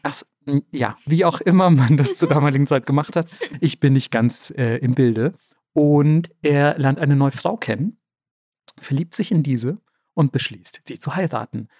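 A man's voice: fairly high pitch, normal speed, no room sound. Guy casually retelling fairy tales on a podcast, slangy, lots of ähms, dry sound. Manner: relaxed, slangy, many fillers. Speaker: podcast co-host. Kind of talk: casual storytelling chat.

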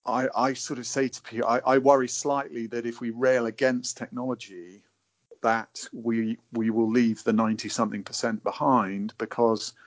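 The muffled, dull lo-fi audio comes from a wooden cabin, where a guest who champions natural navigation speaks in conversation. Thoughtful and hesitant, he keeps repeating words as he works through his point, in a mid-range voice with little pitch movement at a moderate pace.

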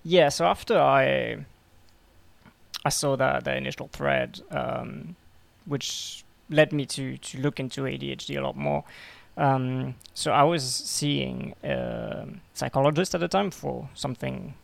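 A man in his twenties from Belgium, a podcast guest telling his story in a halting way, repeating words and filling pauses. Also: mid-range voice, steady tone, vocal fry, dry recording. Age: 20s. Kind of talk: casual interview.

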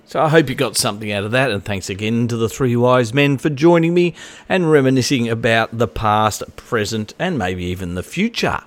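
A man with an Australian accent and a medium-pitched voice hosts a podcast. His style is casual and conversational. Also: expressive, moderate pace. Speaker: podcast host. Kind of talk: casual hosting.

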